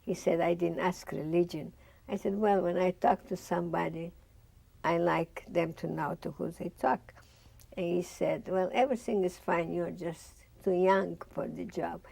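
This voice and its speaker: For an oral history interview, an older Bessarabian woman with a Russian accent sits in a studio with a dark curtain behind her, narrating her life and performing the dialogue she remembers. Her voice is fairly low, even, and a little mellow, slightly rough with vocal fry, at a normal pace. The recording is dry.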